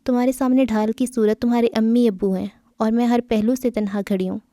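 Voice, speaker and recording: Female reader voicing a withdrawn, melancholy young woman; soft mellow tone, dry. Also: on the high side, fairly even intonation, no room sound, lightly acted. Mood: sad. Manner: quiet, melancholy.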